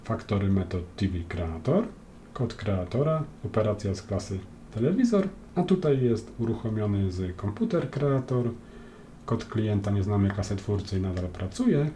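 Man, Polish accent, coding tutorial voice-over, calm step-by-step explaining, hesitant fillers, low mellow voice, faint hiss and typing. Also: moderate pace. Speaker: programming tutor. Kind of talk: screen-recorded coding tutorial.

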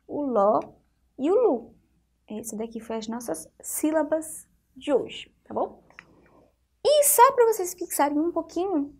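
A woman teaching a phonics lesson to young children, patient and often checking that they follow, with a Brazilian Portuguese accent. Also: sits high. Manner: patient, keeps checking in with the class.

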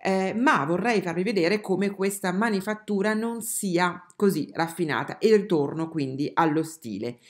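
Low-voiced woman teaching art history. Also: normal speed, hardly any pauses. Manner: hesitant, many fillers and restarts; addresses viewers directly. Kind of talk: online art history lesson.

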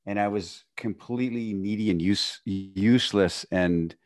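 A man in his fifties from northwestern Canada, a guest on a video-call podcast, telling his story in a relaxed way with frequent laughs and quiet, trailing phrases. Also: unhurried. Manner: relaxed, laughs often, drifts into a quiet, low voice. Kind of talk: casual conversation. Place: home room, video call. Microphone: studio mic on a boom arm.

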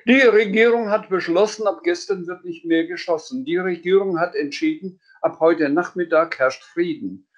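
A man voicing the Sams, a cheeky childlike creature who speaks in rhymes, in a high sing-song voice. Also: moderate pace, hardly any pauses, highs cut off. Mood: singend reimend. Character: frecher, kindlicher Sams, reimt ständig.

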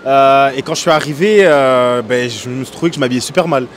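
A young man from the French provinces chatting about his outfit in a street interview, laughing easily and clearly proud of himself, recorded outdoors under a covered plaza. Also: medium pitch, brisk. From France, outside Paris.

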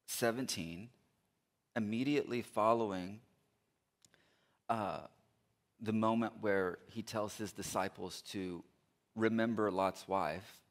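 A middle-aged man preaching a sermon from a large indoor church stage through a headset mic. He talks with earnest emphasis and repeats his key phrases, pressing hard at times and softening into quiet appeals at others. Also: fairly low pitch. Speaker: pastor.

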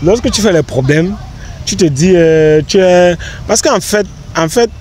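A man's voice: high voice, animated, unhurried, a little mellow. A young man, answering questions on a park bench in an earnest, rambling way with many restarts. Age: young adult. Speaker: interviewee, content creator. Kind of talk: casual outdoor interview. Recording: faint outdoor street noise.

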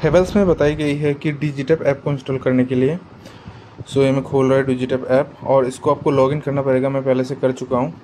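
A man's voice: medium pitch, level tone, normal speed, darkish tone, a little hiss or hum, poor audio. A man giving a casual how-to product demo, chatty and explanatory, talking straight to his viewers. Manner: chatty and explanatory, often addresses the viewers as guys. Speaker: product reviewer.

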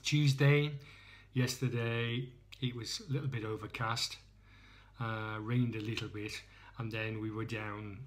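A man's voice: on the low side, level tone, unhurried. An Englishman chatting casually through a beer tasting, rambling and poking fun at himself, recorded as a handheld phone video indoors. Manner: chatty, rambling, self-mocking. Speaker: beer reviewer.

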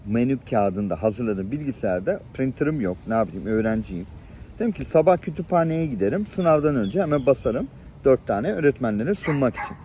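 A middle-aged man telling personal stories to the camera in a lively, chatty way, chuckling now and then and acting out the people in them. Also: mid-range voice, a little hiss or hum. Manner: lively anecdotal storytelling, chuckles and acts out voices. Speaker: channel host. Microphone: camera-facing, showing viewers things on screen.

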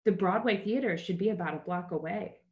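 A woman reading aloud and voicing a polite, knowing young city man in her own low voice. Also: fairly quick, highs cut off, close to an everyday voice. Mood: polite teasing. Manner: polite, smooth.

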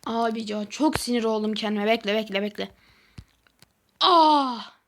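A woman giving excitable, easily frustrated let's-play commentary as a gaming channel host, talking to herself while she plays. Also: mid-range voice, fast talker, a little hiss or hum.

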